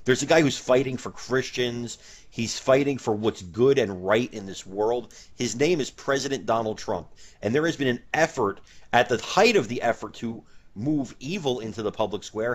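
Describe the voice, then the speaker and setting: A man's voice: mid-range voice, animated, moderate pace. A man hosting a comedy sketch, talking in an emphatic, mock-indignant way. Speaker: comedy show host.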